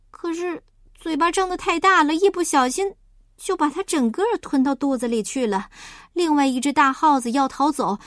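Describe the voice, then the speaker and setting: A woman's voice: high voice, fairly bright tone, dry recording, pitched above the performer's own voice. A woman voicing a cheerful, easygoing young snake who talks in a breezy, apologetic way.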